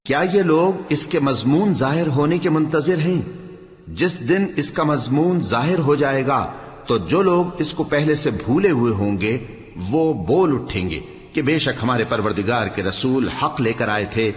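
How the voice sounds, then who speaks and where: A man reading a scripture translation aloud in a measured, solemn way, dropping low at the end of each verse. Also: animated. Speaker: scripture reader. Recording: reverberant, dull lo-fi hall recording.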